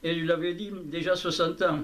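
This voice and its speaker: An elderly man, his voice pitched a little high. He speaks in a halting, repetitive way, with long hesitations, as he reminisces casually. It is a candid hidden-mic recording with some noise. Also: steady tone. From southwest France. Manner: halting, repeats himself, trailing pauses. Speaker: interviewee, childhood friend recalling the past. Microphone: hidden camera microphone.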